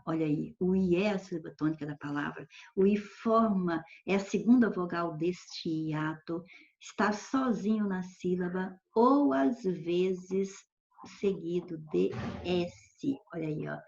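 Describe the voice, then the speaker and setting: Woman teacher, mellow and patient, explains step by step; dull lo-fi online lesson audio. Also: on the low side, measured pace, creaky. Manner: patient, explanatory, often checks with "ok?". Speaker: Portuguese grammar teacher.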